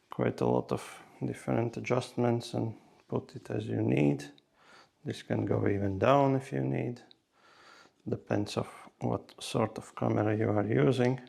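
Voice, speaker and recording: Guiding viewers step by step through a hands-on motorcycle gear tutorial, a man talks casually with non-native English phrasing. He has a medium-pitched, slightly mellow voice with vocal fry and a breathy edge.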